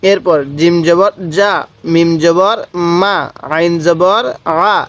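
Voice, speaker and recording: A man's voice: high voice, fairly even intonation. A man teaching Quran reading, spelling words out syllable by syllable and prompting the viewer to repeat after him. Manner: slow, drawn-out syllable-by-syllable spelling. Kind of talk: step-by-step recitation lesson.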